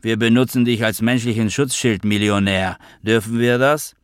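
A man's voice: lowish voice, fairly even intonation, normal speed, clean tone, dry recording, clean studio sound, pitched above the performer's own voice, natural voice. Man doing a sarcastic, flustered man.

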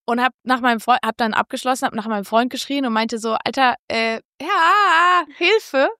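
Woman, casual storyteller, bright high-ish voice, dry close mic, swears freely, acts out her own quotes. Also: fast, no room sound. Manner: lively, casual, swears, quotes herself with raised voice. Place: Switzerland.

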